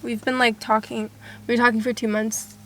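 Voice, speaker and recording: A woman's voice: fairly high pitch, level tone, a little fast, slight background noise. A young woman, a student, chatting and laughing with her boyfriend in a couple's vlog, reading out questions. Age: young adult. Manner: giggly, reads out questions, fillers. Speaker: vlogger, girlfriend, student. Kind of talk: casual couple chat.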